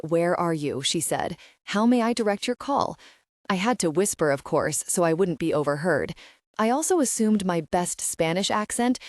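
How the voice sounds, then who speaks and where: A woman narrating a first-person audiobook in a lively storytelling manner, voicing the dialogue. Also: lowish voice, no echo, studio quality.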